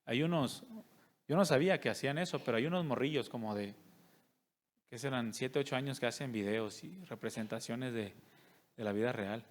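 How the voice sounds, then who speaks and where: A man's voice: mid-range voice, normal speed. A male pastor, preaching a sermon and putting rhetorical questions to his congregation. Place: church service.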